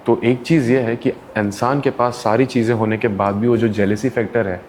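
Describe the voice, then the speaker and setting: In casual conversation as an interview guest, a counsellor spins stories briskly in a medium-pitched voice. He animatedly performs the people he quotes, doing voices for them, while faint background noise runs underneath.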